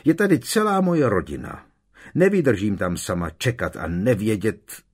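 A man's voice: medium pitch, wildly swooping pitch, darkish tone, breathy edge, voice pushed up. A man reading aloud, voicing a stubborn teenage girl who pleads against being sent away. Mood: defiant. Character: defiant teenage girl near tears.

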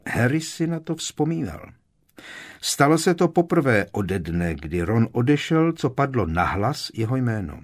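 A man reading a novel aloud as an audiobook, expressive and animated. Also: medium pitch. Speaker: audiobook narrator.

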